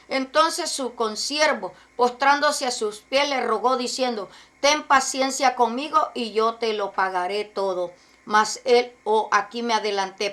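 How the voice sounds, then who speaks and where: A woman preaches a sermon in a high, bright voice. She speaks emphatically and keeps asking her listeners rhetorical questions.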